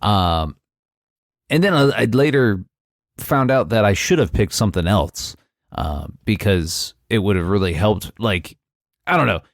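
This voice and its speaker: A man in a casual gaming discussion, speaking haltingly and searching for his words. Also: lowish voice, animated, no echo, clean studio sound.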